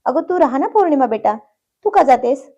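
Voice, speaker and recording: A woman's voice: high-pitched, lively intonation, a little fast. A woman voicing an affectionate middle-aged mother who speaks fondly and proudly, in a storybook reading. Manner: warm-hearted and fond.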